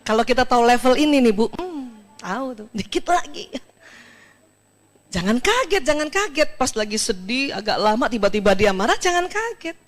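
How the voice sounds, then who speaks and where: A woman speaks at an Islamic study session, her voice sitting high and swinging widely up and down. She talks straight to the women listening and laughs easily as she goes. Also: brisk. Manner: expressive, laughs often, speaks directly to listeners. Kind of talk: lively talk to an audience of women.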